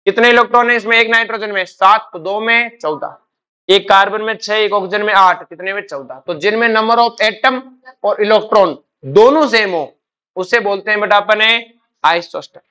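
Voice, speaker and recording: Bright-voiced teacher quizzing students. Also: male voice, high voice, normal speed, smooth. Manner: quizzing students with repeated questions; calls students "beta". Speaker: chemistry teacher. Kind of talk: classroom lecture.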